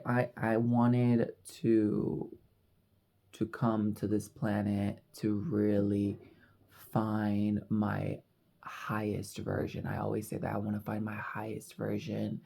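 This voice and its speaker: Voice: medium pitch, vocal fry, darkish tone. A vlogger talking casually and reflectively into the camera, rambling and confessional, full of "like" and "you know.". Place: house in Mexico.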